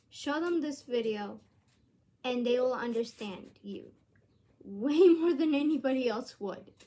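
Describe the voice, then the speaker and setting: A woman's voice: a little high, a little mellow. A woman vlogging to her channel in a rambling, earnest way, full of hesitant restarts. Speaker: YouTuber. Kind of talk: casual vlog monologue.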